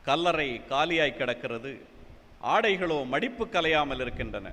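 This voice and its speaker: Man, poet, dramatic recitation, declamatory, slightly high voice, long hall reverb. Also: animated, measured pace, bright, forceful tone. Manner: emphatic, declamatory bursts. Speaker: poet reciting at a poetry event. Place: church hall.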